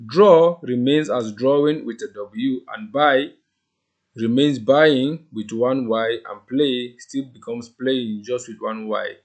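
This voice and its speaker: A man's voice: mid-range voice, takes it slowly. A man teaching an English grammar lesson, explaining the rules step by step and repeating the key points.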